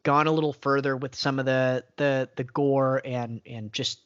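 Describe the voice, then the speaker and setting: A man in a mid-pitched voice, musing on a casual movie podcast. He rambles a little and fills his pauses with ums. The sound is muffled and lo-fi. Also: fairly even intonation, a bit bright, clean tone. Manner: thoughtful, rambling with fillers. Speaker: podcast co-host. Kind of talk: casual film review chat. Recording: dull lo-fi podcast audio.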